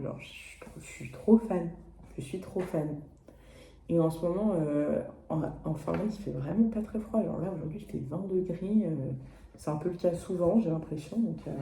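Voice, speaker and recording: A woman's voice: sits low, dark tone, echoey room, a little hiss or hum. A young woman from France chatting casually in a knitting vlog, slangy and full of fillers and restarts. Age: young adult. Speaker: knitting vlogger, exchange student.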